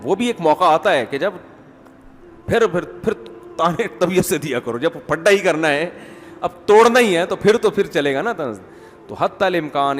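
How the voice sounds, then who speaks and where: Wry middle-aged preacher in a reverberant hall. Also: male voice, a little high, a little hiss or hum. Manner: conversational, wry, repeats words for emphasis. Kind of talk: informal Urdu sermon. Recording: long hall reverb with faint ambience.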